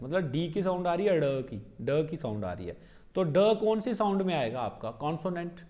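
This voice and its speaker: High-voiced man teaching grammar. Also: a little mellow. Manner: checks in with "clear?" and "okay?" after each point; slows down to spell out example sentences. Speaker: exam coaching teacher. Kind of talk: Hindi-English grammar lesson.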